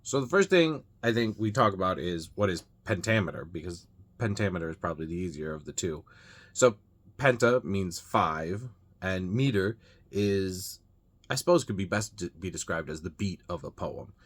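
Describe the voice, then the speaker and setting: Deep-voiced man explaining poetry casually. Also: expressive, normal speed. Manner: loose and unscripted, frequent uh and you know, restarts. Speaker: host of a reading channel.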